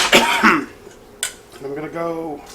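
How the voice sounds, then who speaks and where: A man's voice: a little high, steady tone, extremely slow, very noisy. Rambling, foul-mouthed man cooking in a roomy kitchen. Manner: rambling, profane, folksy. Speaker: cooking show host. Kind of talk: casual cooking demonstration. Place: home kitchen.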